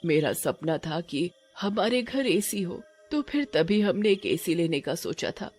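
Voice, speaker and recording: A woman's voice: fairly low pitch, sing-song, a little mellow, soft background music. A woman doing a mournful ice witch. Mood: sorrowful. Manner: slow, mournful storytelling. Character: sorrowful female ice witch ghost. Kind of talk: Hindi cartoon voice acting.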